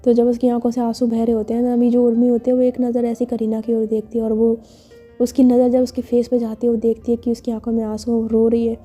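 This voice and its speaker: A woman's voice: fairly high pitch, completely flat delivery, quick pace, mellow, faint music behind. A woman telling a love story in a casual, chatty way, full of fillers. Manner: chatty, filler-heavy narration.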